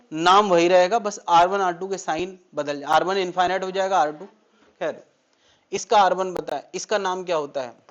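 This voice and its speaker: Male physics teacher, high voice, quizzing the class and answering himself; muffled lo-fi audio. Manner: asks the class questions and answers them himself. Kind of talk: classroom lecture.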